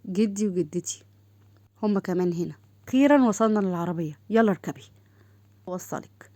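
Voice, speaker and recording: A woman voicing a teasing, joking young man, fast and dry. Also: mid-range voice, mellow, no echo, close to an everyday voice.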